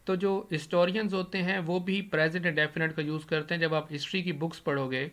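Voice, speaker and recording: A man teaching an English grammar lesson over a screen recording, explaining step by step, asking questions and answering them himself, and slowing down to spell out his English examples. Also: a little high, flat delivery, fairly bright tone.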